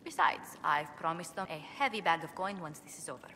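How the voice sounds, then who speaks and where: Josephine, a gracious diplomat in a reverberant hall. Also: female voice, deep voice, fairly quick, sharp tone, a little hiss or hum. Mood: earnest, diplomatic. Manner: polite, formal, articulate. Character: refined, diplomatic noblewoman adviser, earnest and gracious. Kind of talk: scripted video game cutscene acting. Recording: long hall reverb, faint background ambience.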